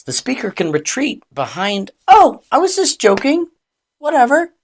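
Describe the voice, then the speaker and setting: Female relationship coach: low, gravelly voice, calm and deliberate teaching delivery. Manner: calm, deliberate explaining with expressive emphasis. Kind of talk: measured educational talk.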